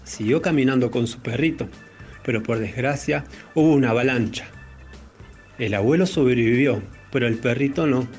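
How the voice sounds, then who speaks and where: A man with an Argentine accent reading a child's legend aloud, carefully and in measured phrases. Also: mid-range voice, darkish tone, faint music behind. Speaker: parent reading a child's story.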